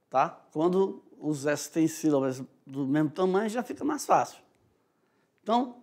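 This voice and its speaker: A male teacher with a Brazilian Portuguese accent explaining a lesson, checking in often with "tá?" and "né?". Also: high-pitched. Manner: explanatory, frequent "tá?" and "né?" check-ins, demonstrates rhythms aloud. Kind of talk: recorded online class lecture.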